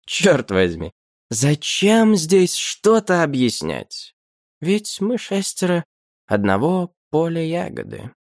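A man reading an audiobook, voicing a smooth, amused, scheming man in a soft, unhurried, lilting voice. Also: fairly high pitch, wildly swooping pitch, dry recording, studio quality, voice pushed up, exaggerated voice. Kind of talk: audiobook character voice.

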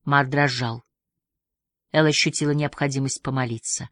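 A woman narrating a novel in a measured audiobook reading. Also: a bass voice, fairly even intonation, a bit bright, no room sound. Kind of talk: scripted narration.

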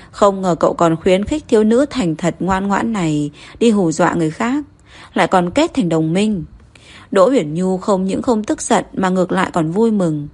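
Audiobook narrator, woman, low-pitched, steady even reading. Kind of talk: novel narration.

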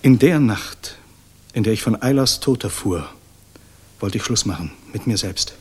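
In a 1960s radio drama, a male actor portrays a grave, guilt-ridden idealist of the German resistance. His slightly husky, fairly low voice carries lively intonation, and he speaks solemnly and deliberately with weighty pauses, sounding remorseful and earnest.

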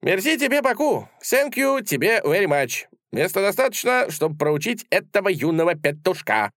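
Man doing a tiny fiery duelist, ringing high voice, lively swoops, dry close sound. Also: moderate pace, dry recording. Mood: mocking. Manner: shouting bold challenges. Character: tiny proud male duelist, fiery and mocking.

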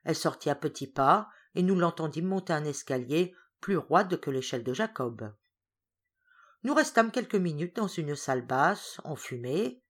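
A woman reading a classic story aloud as an audiobook, with expressive, varied storytelling. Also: low voice, moderate pace, husky. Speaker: audiobook reader. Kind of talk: literary audiobook narration.

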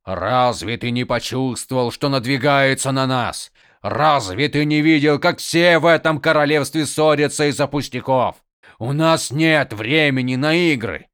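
A stern, weary older highlord, voiced by a male narrator, who lays down the law in firm, emphatic tones. His voice sits mid-pitched, and the audiobook recording is close and dry. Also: a little slow, a bit bright, clean tone, no room sound. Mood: scolding. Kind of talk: audiobook character voice.

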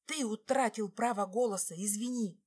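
A woman reading an audiobook voices a hurt wife, sharp-tongued and hissing in anger. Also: medium pitch, expressive, normal speed, breathy edge. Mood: firm.

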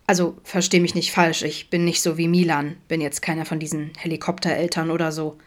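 A woman voicing a guarded, introverted middle-aged father who mumbles in a low, quiet way, in an audiobook. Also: flat delivery, a little fast, lightly acted.

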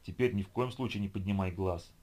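A small, stern female creature who speaks in quiet, firm commands. Her voice sits low and level, as a male audiobook reader plays her. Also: fast talker, natural voice. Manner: firm, instructive, low-key.

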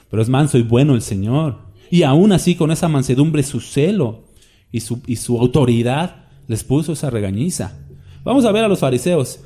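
A man's voice: mid-range voice, animated, moderate pace, mellow. A man preaching a sermon in a conversational way, often asking the listeners questions and acting out quoted voices. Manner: acts out quoted voices for examples.

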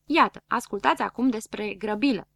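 A woman's voice: medium pitch, vocal fry, fairly bright tone, no echo. A woman voicing a naive, boastful little boy-like character from a storybook who makes up silly rhymes. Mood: eager.

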